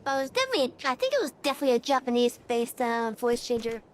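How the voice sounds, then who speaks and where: Talking very fast in a high, sing-song voice, a woman streams casual, rambling chat full of fillers. An AI voice changer transforms her voice, and slight background noise sits underneath.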